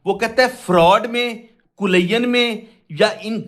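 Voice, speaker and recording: With a high, fairly bright voice, the Pakistani man lectures on law in a didactic manner, switching between Urdu and English legal terms. Quoted provisions are read slowly in segments, and he answers the questions he himself poses.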